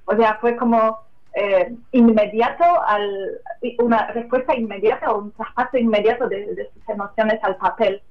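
A woman being interviewed about her translation work, talking casually and haltingly, with many fillers and tag questions. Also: mid-range voice, fairly even intonation. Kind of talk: casual radio interview answers. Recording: dull lo-fi audio.

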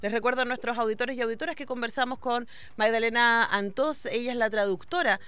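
A woman's voice: on the high side, fast talker, a bit bright, clear, resonant tone, no echo. A woman hosting a radio interview, asking long, thoughtful questions. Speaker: radio host.

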